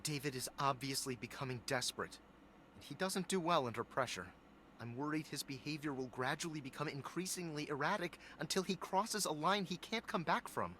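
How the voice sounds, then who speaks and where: A grave, worried man gives ominous warnings in a video game. His voice is bright and tense over faint noise. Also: fairly high pitch, brisk.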